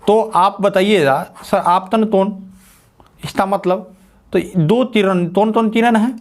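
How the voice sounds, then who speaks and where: A man teaching a school physics lesson, dictating slowly, repeating phrases and asking and answering his own questions. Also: sits high.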